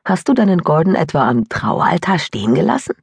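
Audiobook character: woman reading a curious young woman friend, prying and lively, husky and dry. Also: lowish voice, brisk, no echo, full character voice. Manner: eager, prying questions.

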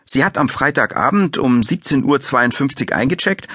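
A man's voice: mid-range voice, expressive, moderate pace, fairly bright tone, slightly rough, dry recording, pitched above the performer's own voice. Brief: stiff, offended hotel director in his fifties, read by a man, formal and put out, dry audiobook sound. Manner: formal, slightly annoyed.

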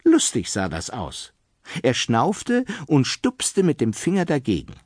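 A man reading a children's storybook aloud in a playful, lively way. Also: medium pitch, measured pace, dry recording, clean studio sound. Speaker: audiobook narrator.

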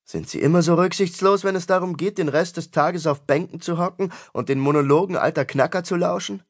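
A man's voice: high voice, fairly quick, dry recording, studio quality, voice pushed up. A man voicing a sarcastic young male student in an audiobook. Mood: mocking.

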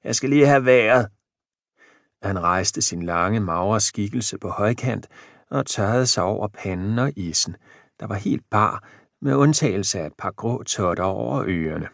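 A man reading a novel aloud as an audiobook narrator, in measured storytelling. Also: fairly low pitch, creaky, a bit bright, no room sound, clean studio sound. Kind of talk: scripted narration.

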